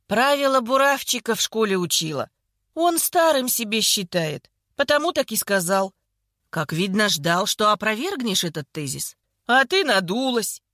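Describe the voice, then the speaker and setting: A woman voicing a sharp-tongued older woman in a hospital bed, hoarse and sarcastic, teasing without mercy. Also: medium pitch, big pitch swings, normal speed, no echo, clean studio sound. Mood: mocking.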